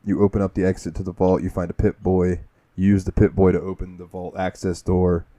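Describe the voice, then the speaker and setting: A man with a low, warm, mellow voice retells a game's opening on a casual podcast. He rambles and swears freely as he talks. The recording is dry and close. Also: completely flat delivery, fairly quick, no room sound. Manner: rambling, profane storytelling. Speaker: podcast host. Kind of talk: casual gaming podcast chat.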